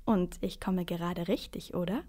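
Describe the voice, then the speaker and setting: A woman voicing the kindly Sandmännchen in a storybook reading, speaking slowly and gently. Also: on the low side, lightly acted. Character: Sandmännchen, kindly small bedtime helper.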